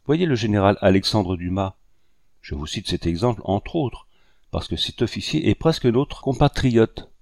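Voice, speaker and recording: A man voicing a gentle young French lady. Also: lowish voice, lively intonation, moderate pace, vocal fry, no room sound, clean studio sound. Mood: earnest pleading. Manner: gentle, pleading and courteous. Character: earnest young French lady of colonial gentry.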